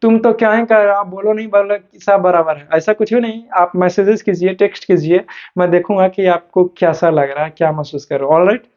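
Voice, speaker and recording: Guy teacher doing an online class, mixes hindi and english, reads questions out slow, kinda dull lo-fi sound. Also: high voice, fairly even intonation, darkish tone. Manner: switches between Hindi and English, reads questions slowly word by word.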